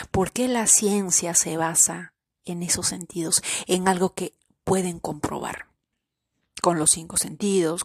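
A woman with a low, breathy voice delivers a reflective spiritual monologue. She speaks slowly and deliberately and keeps pressing her listeners with rhetorical questions, sometimes sinking to a whisper. The sound is dry and close. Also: dry recording. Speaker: podcast host.

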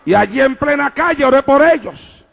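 A man's voice: extremely high pitch, animated, moderate pace, vocal fry, highs cut off. A man preaching a fervent sermon to a church congregation, driving home his points with repeated phrases and calls to the listeners. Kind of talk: evangelical sermon. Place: church in New York.

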